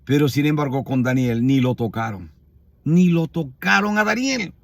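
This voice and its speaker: A man's voice: fairly high pitch, lively intonation, normal speed, vocal fry, no room sound, clean studio sound. A man preaching a sermon, retelling a scripture story with emphatic repetition and rhetorical questions.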